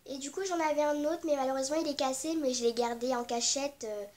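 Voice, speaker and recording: High-pitched and a little mellow, a young teen beauty vlogger from Réunion talks quickly with fairly even intonation. She has a cold and sounds stuffy, rambling apologetically about her beauty products with plenty of fillers in casual chat.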